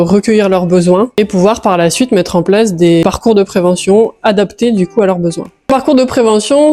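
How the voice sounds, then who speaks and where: A woman, a project coordinator, explaining her work earnestly in an interview. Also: mid-range voice. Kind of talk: interview testimony. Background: soft guitar music.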